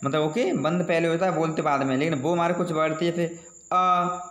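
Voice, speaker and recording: A man's voice: fairly high pitch, steady tone, fast, roomy sound. A man teaching an exam-prep lesson, often repeating "दोस्तों" and answering his own questions, stretching out sounds to demonstrate them. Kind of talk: exam prep lesson explaining Hindi vowels.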